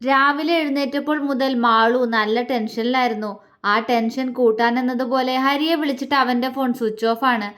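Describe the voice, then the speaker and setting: A woman narrating a serialized romance novel in a steady, measured reading voice. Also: high voice. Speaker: storyteller.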